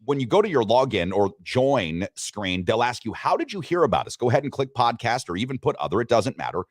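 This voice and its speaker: A man hosting a sports talk show, talking betting lines with animated delivery and frequent restarts. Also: medium pitch, a little fast, dry recording, studio quality. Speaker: sports radio host.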